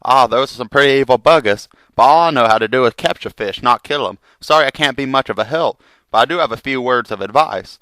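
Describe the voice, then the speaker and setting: A man playing a calm, helpful river fisherman giving advice in an amateur comic drama. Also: mid-range voice, fast, dry recording, lightly acted, poor audio. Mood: friendly.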